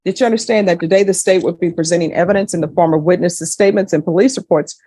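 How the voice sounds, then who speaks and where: Formal woman judge, somewhat low-voiced. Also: fast, warm tone, no room sound. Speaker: judge presiding over a court hearing. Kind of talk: formal courtroom questioning and rulings. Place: courtroom.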